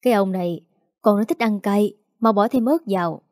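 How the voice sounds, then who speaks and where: A woman's voice: medium pitch, moderate pace, no room sound, studio quality, natural voice. A woman voicing a nagging, emotional peasant mother in her forties. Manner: sharp nagging, scolding.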